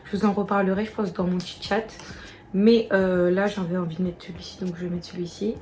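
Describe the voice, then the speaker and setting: A woman's voice: on the low side, level tone, a little fast, a little mellow, a little hiss or hum. A young woman walking viewers through a casual makeup tutorial, chatty and talking straight to them. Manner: chatty, addresses viewers directly. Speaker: beauty vlogger.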